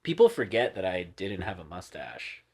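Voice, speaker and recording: Low-voiced man telling a rambling story. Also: big pitch swings, normal speed, slightly rough. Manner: rambling, filler-heavy, drops to soft murmurs. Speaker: podcast guest. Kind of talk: casual storytelling.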